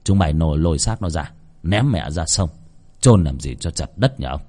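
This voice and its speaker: A man voicing a callous, gruff village chief who speaks coldly and dismissively. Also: a bass voice, expressive, moderate pace, dark tone, pitched below the performer's own voice.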